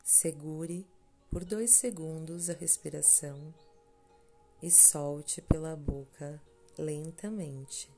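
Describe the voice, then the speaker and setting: Over background music, a Brazilian woman guides a meditation in a low, mellow, steady voice. She speaks slowly and soothingly, leaving long gaps between short, measured phrases.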